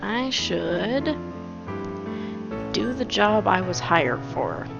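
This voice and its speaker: A woman voicing a gentle, formal male pigeon who runs a cafe, speaking softly and politely. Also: medium pitch, big pitch swings, extremely slow, vocal fry, heavily acted. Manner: soft-spoken, formal, polite. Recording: dull lo-fi with game music.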